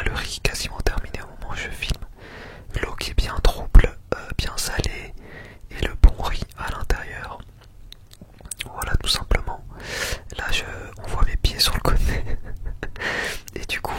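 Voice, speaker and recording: This man narrates food ASMR with a very high voice, whispering intimately near the ear and often doubling up words and phrases for emphasis.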